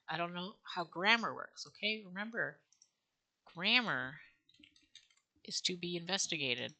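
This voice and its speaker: On camera, a woman sounds out syllables of a language she's teaching herself, thinking aloud with playful self-mockery in a casual vlog. Her voice is on the low side, bright and forceful.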